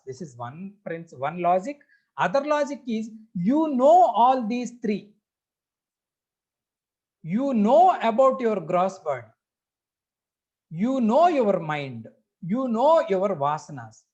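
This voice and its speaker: A man's voice: sits high, a little mellow, husky, highs cut off. A man with an Indian accent giving a Vedanta discourse as a spiritual teacher, explaining didactically in short repeated phrases and putting questions to his listeners.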